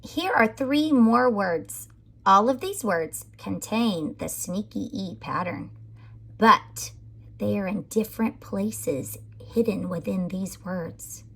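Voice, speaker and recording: A woman teaching a recorded phonics lesson to young children in an animated, sing-song teacher voice. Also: mid-range voice, takes it slowly, gravelly, breathy edge. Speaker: elementary school teacher.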